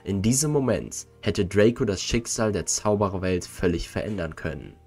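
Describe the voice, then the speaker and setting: A low-pitched man gives scripted narration in a measured, analytical tone. Faint background music plays beneath his voice. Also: a little mellow, breathy edge. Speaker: lore video narrator.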